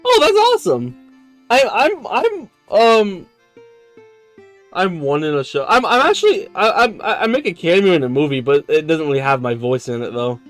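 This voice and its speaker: A man's voice: high voice, normal speed. Stammering young male streamer, game music behind. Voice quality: excitable, laughs often, stammers and repeats words. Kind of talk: reading a dating sim aloud on stream.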